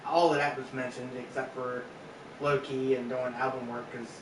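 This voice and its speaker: A man's voice: medium pitch, flat delivery, normal speed. A man co-hosting a casual podcast at home, laid-back and blunt, swearing now and then. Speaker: podcast co-host. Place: home room. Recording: roomy sound, distant mic, faint noise.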